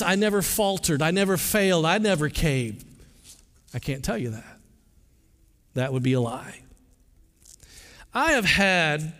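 A man's voice: high-pitched, fairly bright tone. A male pastor preaching a sermon in an earnest, conversational way, often stumbling and restarting his words. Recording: long hall reverb.

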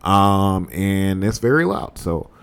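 Young man, low voice, animated profane storytime delivery. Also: slow, clear, resonant tone. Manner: animated, profane, repeats "right?" and "bruh". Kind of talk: casual comedic storytime.

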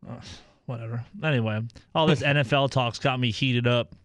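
A man's voice: medium pitch, normal speed, no echo. A man hosting a casual sports podcast, joking around and hyping up a weekly picks segment. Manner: joking, hype segment host. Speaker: podcast host.

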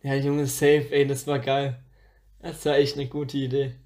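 A young man playing a guessing game, excitable and slangy, exclaiming a lot. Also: medium pitch, a little slow. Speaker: guessing player. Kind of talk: casual chat.

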